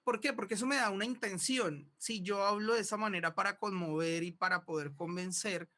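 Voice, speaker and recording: A man's voice: sits high, a little fast, bright, forceful tone. A man teaching a voice workshop, explaining step by step and checking in with his students. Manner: explanatory, often checks in with "¿listo?" and "¿sí?". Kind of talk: classroom lecture.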